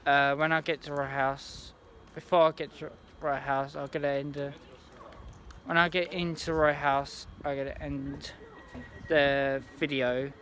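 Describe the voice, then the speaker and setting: A young man filming himself on an outdoor station platform, phone at arm's length, talking slowly and haltingly, restarting his sentences. Faint station noise sits behind his voice. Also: fairly high pitch, flat delivery, fairly bright tone. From England. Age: young adult. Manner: rambling, halting, with many restarts and fillers. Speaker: trainspotting vlogger. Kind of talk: casual handheld vlog. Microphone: phone held at arm's length.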